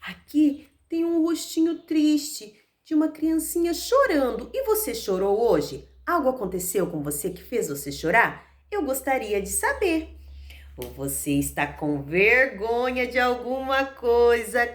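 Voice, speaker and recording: A woman teacher leading an online class for young children, talking slowly and in an exaggerated sing-song way. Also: a little high, animated.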